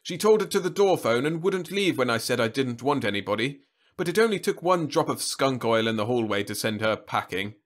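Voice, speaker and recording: A man voicing a gruff, sarcastic old male doctor with a savage edge. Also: medium pitch, animated, fairly quick, pitched above the performer's own voice, lightly acted.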